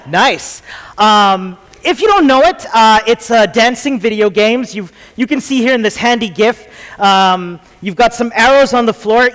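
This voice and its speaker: A man's voice: high voice, a bit bright. Chatty man on a theatre stage. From Chile. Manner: jokey, chatty, many ums. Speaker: conference speaker. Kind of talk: casual tech talk. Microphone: headset mic. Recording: long hall reverb.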